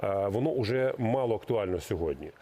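A middle-aged man, a military recruiting official, answering interview questions in a measured, explanatory way with frequent hesitations. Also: lowish voice, expressive, mellow.

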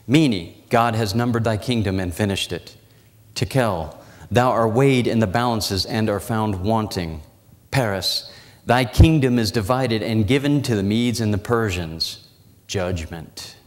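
A man in his forties preaching a sermon in a church, walking the platform and slowing down, dropping his voice low for dramatic emphasis. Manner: walks the platform, gesturing as he preaches. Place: church sanctuary. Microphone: lapel mic and pulpit mic. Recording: church hall reverb.

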